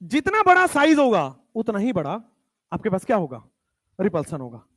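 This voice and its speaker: A man teaching chemistry in a lecture, stressing key terms and repeating them, his voice dropping low whenever he states a definition. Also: huge pitch swings, moderate pace, no room sound. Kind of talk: classroom lecture.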